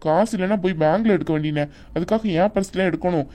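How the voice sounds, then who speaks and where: A woman's voice: on the low side, fast, dark tone, natural voice. A woman voicing a hot-tempered young man in a cartoon, scolding his family with indignant outbursts. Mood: annoyed. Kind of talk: animated cartoon voice acting.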